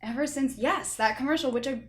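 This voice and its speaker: A woman's voice: high-pitched, a little fast, fairly bright tone. A woman co-hosting a podcast in casual chat, chatty with lots of ums and frequent giggles. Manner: giggly, laughs often while talking. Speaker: podcast co-host.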